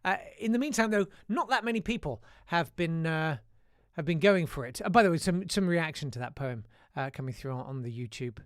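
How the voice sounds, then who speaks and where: A man's voice: a little high, animated, fairly quick, dry recording, clean studio sound. A man hosting a live show in a casual, wry way, reading out listener messages with frequent hesitations. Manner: chatty, wry, many "uh" hesitations. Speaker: radio-style show host.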